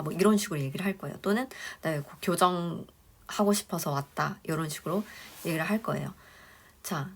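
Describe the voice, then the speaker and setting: A woman teaching English phrases for a dental clinic front desk, explaining step by step and slowing down for each English phrase. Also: on the low side. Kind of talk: spoken lesson.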